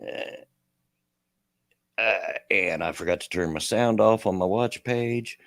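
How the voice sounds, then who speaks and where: At a measured pace, a middle-aged man with a Kentucky and Tennessee redneck accent rambles through a casual livestream with a self-deprecating laugh. His voice is fairly low and a bit bright. The audio is clean studio sound with no echo.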